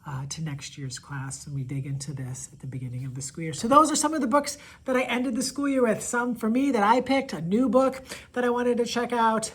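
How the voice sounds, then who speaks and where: A man teacher talking casually and enthusiastically about favorite picture books, gushing with praise and sometimes dropping to a soft near-whisper. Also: extremely high pitch, steady tone, a little fast, husky, rough recording. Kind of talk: casual book recommendation video.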